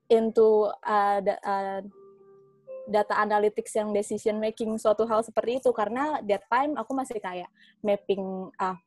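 A woman's voice: mid-range voice, a little mellow, no room sound, low-quality recording. A young woman chatting casually in a podcast, rambling with fillers and restarts, often laughing. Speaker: guest.

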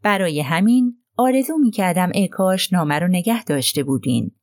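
A woman voicing a sharp-witted older male detective who asks measured, probing questions in an audiobook. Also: lowish voice, expressive, no echo, clean studio sound. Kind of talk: audiobook reading.

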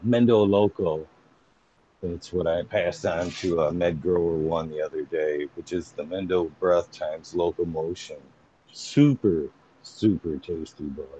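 A man rambling casually as a panel member on a livestream, pausing as he thinks. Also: sits low, darkish tone. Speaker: cannabis grower on a livestream panel. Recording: dull, slightly noisy livestream audio.

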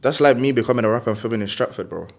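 A man's voice: mid-range voice, rapid-fire, gravelly. A young man with a London accent and roadman slang, bantering casually on a podcast. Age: young adult.

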